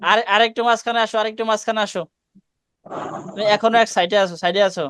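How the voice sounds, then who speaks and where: A man leads an online Quran recitation class over a video call, coaching students one by one. His voice sits high and moves at a fast clip. The sound is clear and dry, and he keeps correcting them with short, repeated commands. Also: fairly even intonation, fairly bright tone, no room sound.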